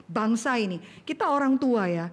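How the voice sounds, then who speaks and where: A middle-aged woman preaching a sermon, animated and acting out voices in everyday slang. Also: fairly high pitch, moderate pace. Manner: animated, acts out voices in colloquial Jakarta slang.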